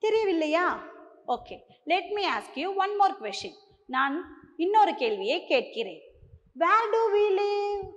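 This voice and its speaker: A woman teacher with a Tamil accent giving a bilingual lesson to young children, slow and coaxing, repeating each line in two languages. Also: extremely high pitch, big pitch swings, in a large hall.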